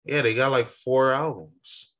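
A man's voice: mid-range voice, fairly even intonation, unhurried, fairly bright tone. A young man co-hosting a podcast, arguing his point in casual, profane talk and cutting in over his partner. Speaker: podcast co-host. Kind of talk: casual debate about rap.

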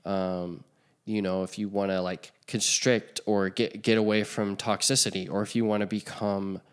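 Low-voiced man in rambling podcast chat. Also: flat delivery, normal speed, clean tone. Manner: rambling, lots of fillers and restarts. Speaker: podcast co-host. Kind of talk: casual chat.

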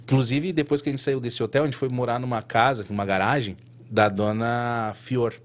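A man tells a long story as a guest in a casual interview. His voice sits at an ordinary middle pitch. He talks in an animated, slangy way, full of fillers and quick restarts. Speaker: tattoo artist guest.

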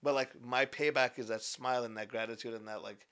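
A man's voice: medium pitch, steady tone, brisk, a bit bright, smooth. A man in his twenties, a podcast guest in casual chat, talking animatedly, repeating himself and acting out what people say. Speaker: podcast guest, business founder.

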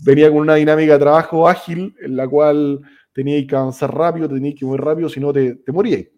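A young Chilean man with a Chilean accent, a startup co-founder talking casually as a guest, halting and restarting his sentences often. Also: fairly high pitch, lo-fi sound. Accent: Chilean Spanish. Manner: relaxed, halting, many restarts and fillers. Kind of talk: casual conversational interview.

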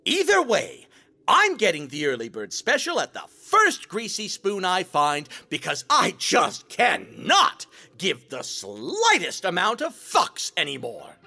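A theatrical, snide supervillain, wildly swooping. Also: male voice, high-pitched, huge pitch swings, creaky, pushed and bright, full character voice. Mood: defiant. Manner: dramatic, snide, drawn-out delivery. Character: theatrical, sarcastic, self-serving male rogue supervillain. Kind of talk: theatrical audio drama acting.

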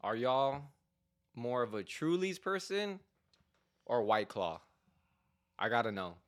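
A man's voice: medium pitch, very animated, slow. A young man hosting a casual podcast, chatting in loose, slangy banter with his friends. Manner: laid-back slangy banter. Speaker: podcast host. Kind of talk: casual chat.

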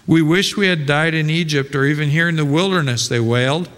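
A man's voice: on the high side, a little fast, fairly bright tone. A male pastor preaching a sermon in a conversational way, full of rhetorical questions and restarts. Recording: long hall reverb.

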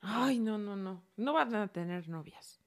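A woman's voice: medium pitch, lively intonation, unhurried. A woman, chatting as a guest in a firm, motherly way. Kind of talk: casual chat.

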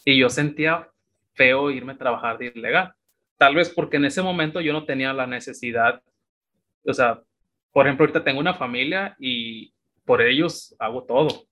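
A Mexican man in his thirties talks through his past as an interview guest. His voice is bright and forward, and he keeps a loose, chatty flow full of little fillers. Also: medium pitch, moderate pace. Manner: relaxed storytelling with many fillers. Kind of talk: casual interview chat.

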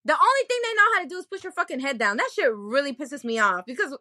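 Lively high-voiced young woman, blunt. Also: fast talker, no echo, clean studio sound. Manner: blunt, animated, laughs often. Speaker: podcast co-host. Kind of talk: casual chat.

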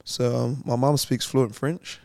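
A man's voice: mid-range voice, level tone, measured pace, creaky, a little mellow, dry recording, studio quality. A young man from England, chatting easily as a guest boxer on a podcast and laughing often. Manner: easygoing, laughs often, mild swearing substitutes. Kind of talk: casual podcast chat.

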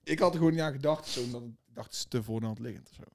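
A man's voice: medium pitch, very fast, vocal fry, a crowd in the background. A young man co-hosting a podcast, talking in a laid-back, slangy way with lots of fillers. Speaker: podcast co-host. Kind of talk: casual chat.

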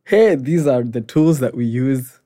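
A man's voice: mid-range voice, expressive, measured pace, warm tone. A young man co-hosting a podcast, talking casually with playful, upbeat emcee flourishes. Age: young adult. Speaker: podcast co-host.

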